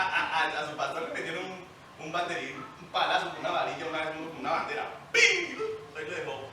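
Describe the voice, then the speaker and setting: Pastor guy cracking jokes mid sermon, high voice, far off in a big echoey church. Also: background noise. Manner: jokey, animated, asks the congregation questions. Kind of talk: lively sermon. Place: church hall. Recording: echoey church hall, mic at a distance.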